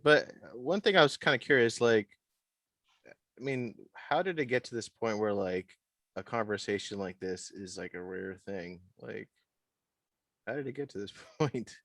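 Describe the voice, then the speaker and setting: A man asking a question softly and tentatively in a casual group discussion on a video call. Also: lowish voice, lively intonation, a little slow, no echo.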